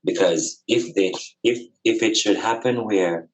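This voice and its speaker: A rough recording captures a man whose voice is on the low side, speaking at a measured pace. He's a podcast guest on spirituality and community, offering casual, reflective thoughts on life with earnest emphasis and repeated phrases.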